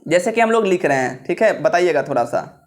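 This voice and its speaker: A man's voice: sits high, lively intonation. A man teaching an old script, repeating himself and checking in with the listener often. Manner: repetitive, checks in with "ठीक है" often; slows down to spell out letters. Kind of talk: classroom-style script lesson.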